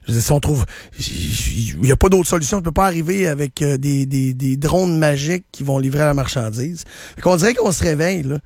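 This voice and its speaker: A man's voice: on the high side, expressive, fairly quick, darkish tone, breathy edge, no echo, studio quality. A man with a Quebec French accent, hosting a radio show and commenting on traffic news in a casual, opinionated way with lots of fillers and restarts. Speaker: radio host.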